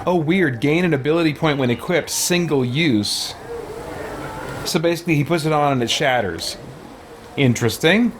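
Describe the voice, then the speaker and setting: At a moderate pace and in a slightly high voice, a man hosting a gaming video mutters through a casual playthrough, thinking aloud with mild exclamations. Background noise is clear.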